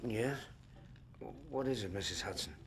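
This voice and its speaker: An actor playing a loyal, puzzled gentleman doctor in a period mystery drama, earnest and courteous with a British accent. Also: lowish voice, moderate pace, a little hiss or hum, lightly acted. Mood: bewildered. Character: loyal, puzzled, mildly indignant gentleman doctor, detective's companion.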